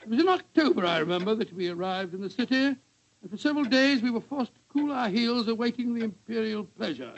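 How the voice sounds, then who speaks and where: High-voiced, blustery English Doctor Watson. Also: male voice, expressive, a little fast, full character voice. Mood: genial, nostalgic. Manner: avuncular, fussy. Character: genial, blustery older English doctor reminiscing. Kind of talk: 1940s radio acting, storytelling. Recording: muffled old 1940s radio recording.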